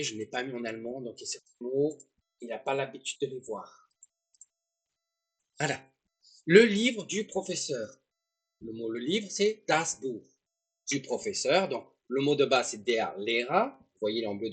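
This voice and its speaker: A man's voice: medium pitch, lively intonation, normal speed, husky. A man giving a casual, joking online lesson, with rambling asides to his viewers. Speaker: German teacher.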